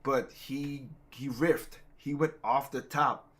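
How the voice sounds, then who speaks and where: A man's voice: medium pitch, fairly even intonation, slow pace, a bit bright. A man hosting a casual political talk show, rambling with many restarts and growing heated. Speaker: podcast host.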